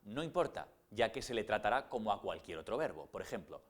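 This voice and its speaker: A man explaining grammar rules step by step in a scripted lesson narration, with slow, spelled-out example words. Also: lowish voice, big pitch swings. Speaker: grammar teacher.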